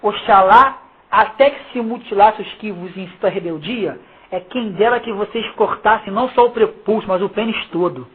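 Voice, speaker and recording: Speaking Carioca Brazilian Portuguese at a normal speed, a husky Rio de Janeiro preacher of medium pitch works through Bible verses with informal commentary. His tone is emphatic and mocking, full of slangy rhetorical questions, heard through thin, muffled, phone-quality sound.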